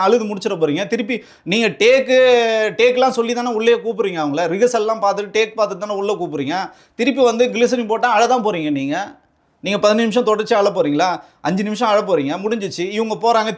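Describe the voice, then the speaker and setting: A man, a political spokesman with a Tamil Nadu accent, speaking in a heated interview and firing off combative rhetorical questions. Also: high-pitched.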